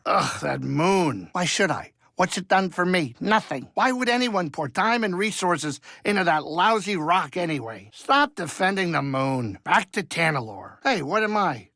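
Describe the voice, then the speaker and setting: A small-time alien starship pilot from a video game grumbles in a high, bright, creaky voice, wisecracking folksily while staying good-hearted underneath. The exaggerated animated dialogue is unhurried with few pauses and very lively pitch swings, in a dry, close recording with no echo.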